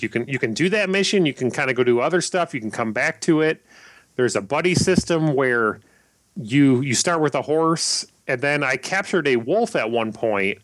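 A man hosting a casual podcast chat, rambling and halting with lots of fillers and restarts. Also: mid-range voice, fairly bright tone, dry recording. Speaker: podcast host.

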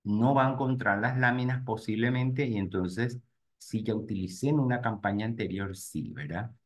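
A man's voice: lowish voice, moderate pace. A man teaching real estate agents in a live webinar, talking to his audience directly and thinking aloud as he clicks through screens. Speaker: real estate marketing instructor.

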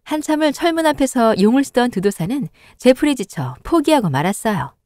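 Woman narrator for cartoon folk tales, steady and gentle. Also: a little high, a little fast, dry recording, studio quality. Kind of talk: storybook narration.

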